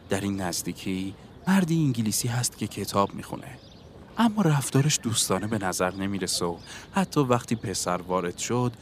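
A man narrating an audiobook in a calm, even reading voice. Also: fairly low pitch, a little hiss or hum.

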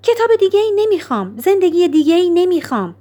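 Brief: woman doing a young woman in despair, high and pleading, emphatic, storybook reading. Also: expressive. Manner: emphatic, raised voice. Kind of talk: audiobook character reading.

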